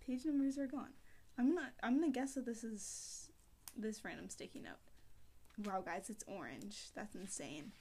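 In a fairly high, mellow voice at a normal pace, a teenage book vlogger rambles about what she's currently reading, giggling and leaning heavily on "like." There's slight background noise.

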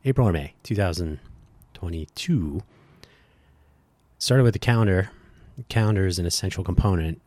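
A man's voice: deep voice, normal speed, darkish tone, no room sound. A man hosting a solo podcast, rambling and correcting himself with wry asides, his voice dulled by allergies. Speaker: podcast host.

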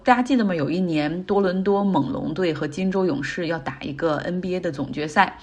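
Middle-aged woman, podcast host; low, husky voice, easygoing chatty commentary. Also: fairly quick. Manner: chatty, explains English words in Chinese. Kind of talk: casual commentary.

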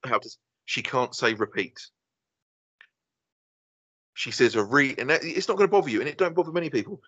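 A man's voice: medium pitch, animated, brisk, fairly bright tone, breathy edge, no room sound. A man co-hosting a podcast, ranting in exasperation and swearing often. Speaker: podcast co-host. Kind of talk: casual banter. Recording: dull dry lo-fi podcast audio.

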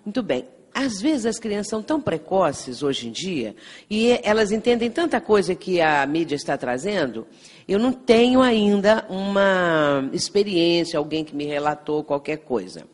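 A woman's voice: fairly low pitch, expressive, moderate pace. A Brazilian woman giving an earnest spiritist lecture, explaining patiently and often checking in with "não é?". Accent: Brazilian Portuguese. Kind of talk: lecture with anecdotes. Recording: reverberant hall.

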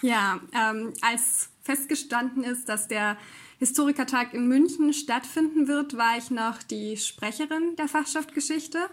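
A woman's voice: fairly high pitch, unhurried. A young adult woman answering as an interview guest in conversational, somewhat piecemeal phrases. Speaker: interview guest, student representative.

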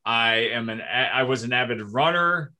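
Podcast guest: man, forties, from Minnesota, friendly self-deprecating storyteller, sharp bright voice. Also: mid-range voice, moderate pace. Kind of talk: casual conversation.

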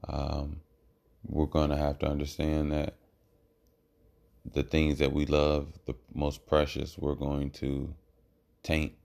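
A man giving a rambling, reflective monologue in a halting way, with trailing pauses. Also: a bass voice, vocal fry, darkish tone.

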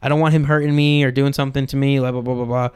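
A sweet older woman speaks softly and gently, as a man quotes her in a story. The voice sits only a little above his own and keeps his smooth, clear tone. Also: mid-range voice, level tone, racing, lightly acted. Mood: nervous.

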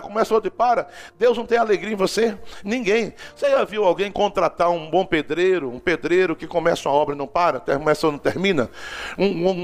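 A man preaching a fervent sermon, exhorting the congregation and acting out dialogue. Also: high-pitched. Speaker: apostle preaching.

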